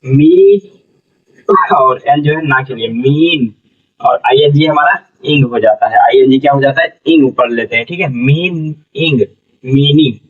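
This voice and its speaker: Slow, repeating male teacher, distant mic. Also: medium pitch. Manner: slow, spells out syllables, repeats questions to students. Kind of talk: classroom phonics lesson. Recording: dull lo-fi sound from a distant mic.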